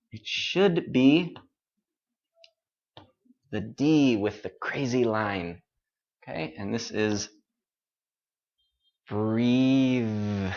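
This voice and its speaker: A man teaching English pronunciation, slowly repeating each word and switching into now and then. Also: mid-range voice, lo-fi sound. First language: Vietnamese. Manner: slow, repeats words, mixes in Vietnamese. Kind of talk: live-streamed pronunciation lesson.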